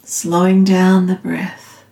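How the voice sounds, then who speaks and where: A woman guiding a meditation in a calm, meditative, soothing tone, unhurried and leaving long pauses. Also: lowish voice, creaky. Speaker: meditation guide. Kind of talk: guided loving-kindness meditation. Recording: roomy, slightly echoing sound.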